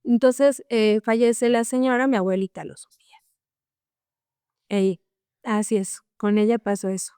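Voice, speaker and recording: A woman's voice: fairly high pitch, level tone, measured pace, pauses often, warm tone, clear, resonant tone, no echo, clean studio sound. A young woman guest telling a personal story in an earnest, casual way, often tagging her lines with a questioning "no?". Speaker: podcast guest.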